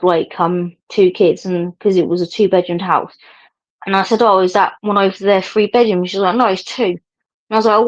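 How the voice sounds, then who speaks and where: Middle-aged woman hosting a livestream, rambling and laugh-prone, mid-pitched voice, muffled audio. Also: darkish tone. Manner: chatty, rambling, laughs often. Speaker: livestream host. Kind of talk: casual chat to viewers. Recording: dull lo-fi stream audio.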